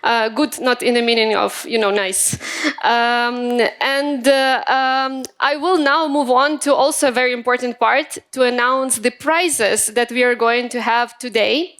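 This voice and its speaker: A woman's voice: fairly high pitch, fairly bright tone, smooth. A woman moderating a startup demo day on stage, chatty and hesitant, with many fillers. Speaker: event host. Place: event stage in Kyiv.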